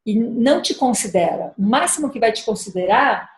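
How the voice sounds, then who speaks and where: A middle-aged woman speaking thoughtfully about raising children, often pausing and restarting as she searches for words. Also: on the high side, lively intonation, reverberant. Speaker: speaker at a parenting gathering. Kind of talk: reflective talk with personal story.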